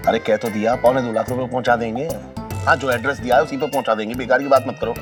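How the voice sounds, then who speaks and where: An actor playing a short-tempered husband in a sitcom, who scolds in an exasperated way. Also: male voice, mid-range voice, fairly even intonation, quick pace, recorded from a distance, over music, close to an everyday voice. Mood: stern. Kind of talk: sitcom acting.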